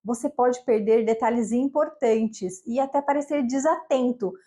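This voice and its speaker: A woman's voice: a little high, a little slow, mellow. A woman from Brazil, an English teacher, giving an upbeat, conversational lesson straight to the camera.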